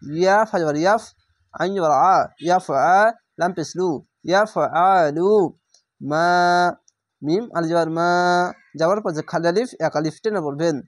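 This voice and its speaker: A man teaching Quran reading, spelling out each word letter by letter and then reciting it slowly and drawn out. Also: fairly high pitch, dry recording, clean studio sound. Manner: slow drawn-out chanted recitation between plain explanations.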